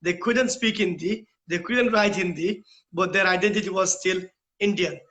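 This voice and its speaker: Speaking at a moderate pace in a high, sharp-toned voice, a middle-aged school principal from the UK answers interview questions earnestly and explains his points. He frequently asks rhetorical questions and checks in with "right?".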